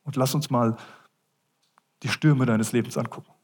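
A man's voice: mid-range voice, fairly even intonation, moderate pace, darkish tone. A man preaching a sermon as a pastor, speaking earnestly and addressing listeners directly.

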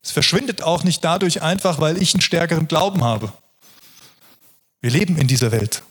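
A man's voice: on the high side, brisk, slightly rough. A man preaching a sermon in an earnest, reflective way, often restarting his sentences.

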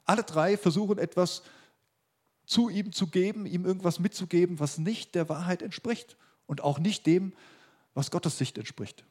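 A man's voice: high voice, normal speed, a little mellow. A man preaching a sermon as pastor, emphatic and repeating his key phrases.

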